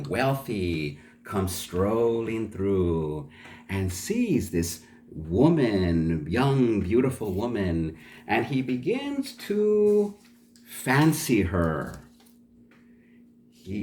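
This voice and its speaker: A man's voice: fairly low pitch, darkish tone, a little hiss or hum. A man telling a folk tale for learners in a chatty way, stopping to ask his listeners questions and explain words. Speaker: storyteller.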